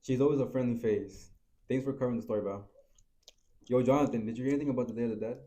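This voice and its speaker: Quick dark-toned teen co-anchor. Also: male voice, medium pitch, steady tone. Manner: quick, curious questions. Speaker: student co-anchor. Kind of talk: casual scripted banter.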